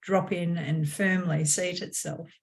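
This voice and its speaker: A woman from Australia co-hosting a spiritual Q&A who reads audience questions in a soft-spoken, hesitant way. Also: lowish voice, fairly even intonation, measured pace. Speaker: co-host reading audience questions. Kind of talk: spiritual Q&A talk.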